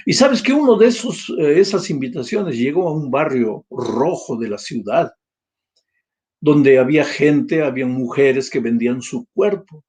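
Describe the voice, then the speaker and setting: A man's voice: medium pitch, animated, measured pace, dark tone. An older man with a Peruvian Spanish accent, preaching a sermon and telling an emotional story, often rising to emphatic cries. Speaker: pastor.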